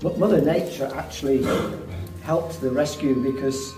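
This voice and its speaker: A middle-aged man guiding a tour with halting explanations, his voice echoing inside a cave. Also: medium pitch, warm tone. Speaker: cave tour guide and rescue participant. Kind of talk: explanatory guided tour talk. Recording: echoey cave, music over the voice. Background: music.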